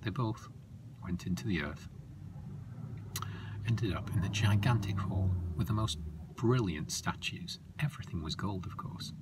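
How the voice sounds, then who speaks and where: A man narrating a children's story softly and slowly, often dropping into a whisper. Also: low voice, noisy background. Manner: slow, soft, often whispery.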